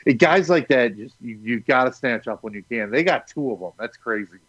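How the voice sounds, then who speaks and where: A man's voice: medium pitch, expressive, brisk, fairly bright tone, breathy edge, no echo. Man, sports co-host, blunt, swears, rambly, muffled dry recording. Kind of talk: casual sports podcast chat.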